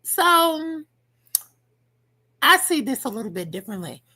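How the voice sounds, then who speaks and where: Animated American woman talking with retainers in. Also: high-pitched, measured pace. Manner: speaking with dental retainers in. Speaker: panelist. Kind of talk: panel commentary.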